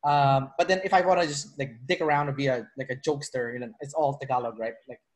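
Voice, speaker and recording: Here the Filipino personality trainer sounds medium-pitched and steady, talking fast as he conducts a casual interview over video call. His speech rambles, full of filler words and false starts.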